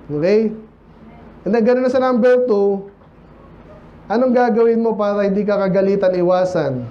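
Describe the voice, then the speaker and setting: A man's voice: high voice, moderate pace, muffled recording. A man preaching a casual, conversational sermon as pastor, often asking the congregation "right?" and "amen?". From Philippines. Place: church.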